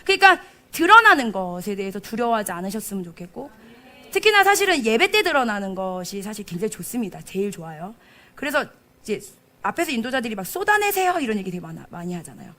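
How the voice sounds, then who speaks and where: A young adult woman pastor preaching a sermon, telling stories with animated quoted speech and frequent laughter. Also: medium pitch, fast talker. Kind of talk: sermon with storytelling. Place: church service.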